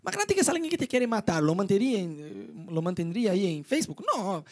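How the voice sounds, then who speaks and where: Young Rioplatense preacher, expressive storyteller, wide-ranging lively delivery for a youth sermon. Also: male voice, fast talker. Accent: Rioplatense Spanish. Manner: lively storyteller, voices his own inner thoughts in high pitch. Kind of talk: animated sermon with acted-out anecdotes.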